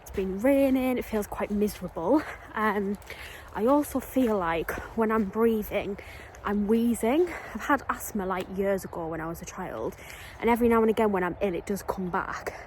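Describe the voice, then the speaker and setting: A woman's voice: mid-range voice, normal speed, a little mellow, a little hiss or hum. A woman chatting casually into her camera for a vlog, rambling with plenty of ums. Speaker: vlogger. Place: outdoors on a walk, then at home.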